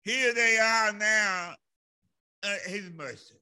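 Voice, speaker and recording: A man preaching a sermon with passion, dwelling on words and rising to shouts. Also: high voice, clean tone. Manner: impassioned, builds to shouts and drawn-out emphasis.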